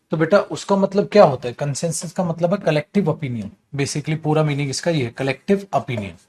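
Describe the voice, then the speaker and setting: A man teaches English usage to an online class in Hindi, his voice sitting a little high. He explains each point patiently and addresses the students fondly. He repeats common mistakes with playful mock emphasis before correcting them. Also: a little mellow. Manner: explains patiently, calls students beta, quotes wrong phrases with mock emphasis.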